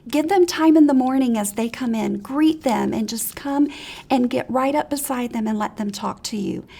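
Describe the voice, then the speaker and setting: Teacher trainer, woman, high and a little gravelly, upbeat instructional talk. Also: normal speed. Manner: encouraging, practical, animated examples.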